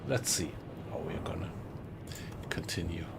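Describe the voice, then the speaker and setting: A man's voice: low-pitched, measured pace, gravelly, noisy background. A man with a German accent, casually commentating a live game stream and chatting with viewers. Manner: relaxed, chatty, greets viewers in chat.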